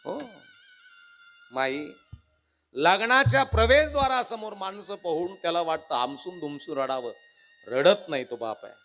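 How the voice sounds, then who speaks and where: A man's voice: high-pitched, lively intonation, a little slow, long pauses, faint music behind. A man preaching a humorous devotional sermon, dramatic and emotional and speaking straight to his audience. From Maharashtra. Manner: dramatic, emotional, swings between loud and hushed; addresses the audience directly. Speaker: kirtan preacher.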